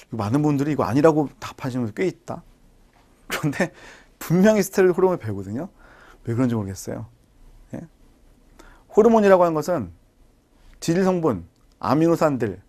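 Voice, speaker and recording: A man's voice: fairly high pitch, vocal fry. A man teaching a recorded biology lecture, explaining at the board and using playful memory tricks. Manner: animated teacher with mnemonic jokes.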